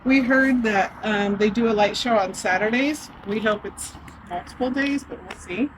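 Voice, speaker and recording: A woman's voice: medium pitch, moderate pace, over music, low-quality recording. A woman talking in a chatty, upbeat, enthusiastic way as a travel vlogger. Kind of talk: casual travel vlog. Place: outdoors on a terrace and a hill. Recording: background noise outdoors.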